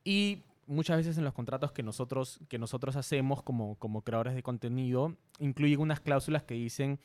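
A man's voice: medium pitch, a little fast, a little mellow. A man from Peru, a content creator, telling a story in a casual interview, earnest and a little self-conscious, often restarting his sentences.

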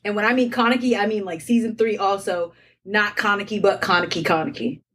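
A woman's voice: medium pitch, a little fast. Chatty woman recorded a little far off. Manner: playful, laughing, chatty with many fillers. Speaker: co-host of a drinking game chat. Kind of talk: casual chat. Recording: far from the mic with faint noise.

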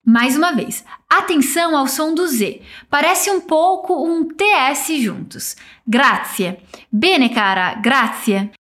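A woman teaching a language, modelling short phrases slowly for listeners to repeat. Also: high-pitched, animated, fairly bright tone. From Brazil. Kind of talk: guided pronunciation drill.

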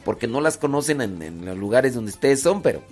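A man's voice: mid-range voice, sing-song, brisk, a little mellow, faint music behind. A man from Mexico with a rural ranchero Mexican accent, hosting a radio show in a casual, rambling way, full of fillers and restarts. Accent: Mexican, rural ranchero speech. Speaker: radio host. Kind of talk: casual radio talk to listeners.

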